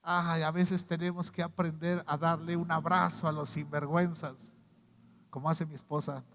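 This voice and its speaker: A man preaching a sermon as pastor, acting out quoted voices and swinging between loud outbursts and hushed lines. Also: fairly high pitch, little pitch movement, moderate pace, noisy background. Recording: long reverb of a hall.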